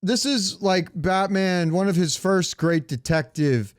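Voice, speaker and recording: In a no-echo, studio-quality recording, a man with a high voice co-hosts a podcast, speaking a little slowly. He chats casually about comic book movies, and his talk is informal, opinionated and full of swearing.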